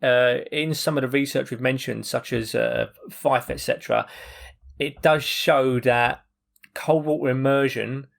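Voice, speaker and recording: A man's voice: mid-range voice, fairly even intonation, measured pace, vocal fry. A British man co-hosting a podcast, chatting casually about sports recovery. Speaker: podcast co-host.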